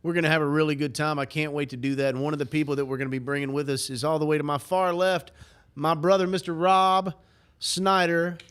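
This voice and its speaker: A man's voice: a little high, little pitch movement, fast, a bit bright, clean tone. A man speaking as a musician introducing his bandmates, casual and upbeat in a folksy way.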